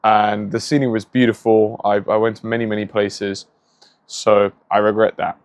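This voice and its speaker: Gravelly-voiced man giving an earnest talk. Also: lowish voice, level tone, moderate pace, background noise. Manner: earnest and moralizing, with frequent restarts. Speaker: host of a faith-based monologue vlog. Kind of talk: casual spoken monologue. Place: at home, facing a garden pond. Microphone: phone.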